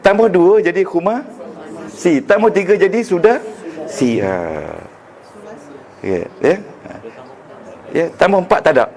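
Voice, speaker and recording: A man's voice: sits high, animated, measured pace, pauses often, a little mellow. A man with a Malaysian Malay accent teaching Arabic grammar to a class, joking and quizzing the students as he goes. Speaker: religious teacher. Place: lecture room with students.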